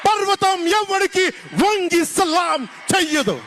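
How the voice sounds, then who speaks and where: An actor playing a defiant proud hero. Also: male voice, sits high, very noisy, natural voice. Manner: slow, defiant, shouted proclamations. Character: defiant proud male hero who bows to none. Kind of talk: declaimed film dialogue. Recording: film clip with loud music.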